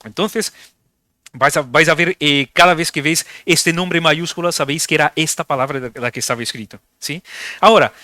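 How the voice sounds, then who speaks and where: A man's voice: fairly high pitch, normal speed, sharp tone, no echo, clean studio sound. A man preaching a sermon in a church, explaining a text step by step and often checking in with his listeners. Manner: explanatory, asks listeners for agreement. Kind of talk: sermon teaching.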